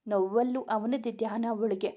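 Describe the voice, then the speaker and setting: A woman narrating a romantic story in a gentle, even reading voice. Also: on the high side, normal speed.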